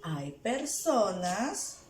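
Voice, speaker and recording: A woman's voice: mid-range voice, very animated, drawn-out words, a little mellow. A woman teaching a lesson to small children, asking them questions and playfully acting out sounds. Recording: echoey room with faint music.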